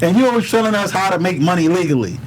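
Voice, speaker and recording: Rapid-fire and high-pitched, a rapper from Harlem with a New York accent tells stories as a podcast guest. The talk is casual, the street slang animated and laced with swearing, and he quotes dialogue, on a low-quality recording with a little hiss or hum.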